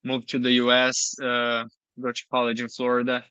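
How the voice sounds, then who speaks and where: Young man, smooth voice. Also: mid-range voice, monotone, normal speed, pushed and bright, no room sound, poor audio. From Brazil. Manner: earnest, frequent "you know". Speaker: guest. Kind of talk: casual interview talk.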